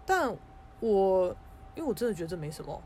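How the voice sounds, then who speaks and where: A young woman, hosting a podcast, telling a personal story in a casual, animated way, with frequent restarts. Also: mid-range voice, a little fast, slight background noise. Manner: animated, frequent restarts and stammers, mimics others in quotes. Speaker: podcast host.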